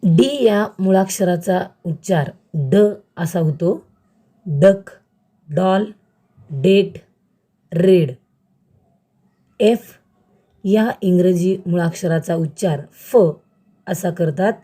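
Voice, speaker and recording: A woman teacher giving a school lesson on letter sounds, slow, careful and word by word. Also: lowish voice, mellow, breathy edge.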